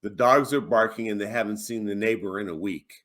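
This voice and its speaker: Relaxed man recalling a police call. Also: lowish voice, fairly quick. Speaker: retired police officer. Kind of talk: casual storytelling.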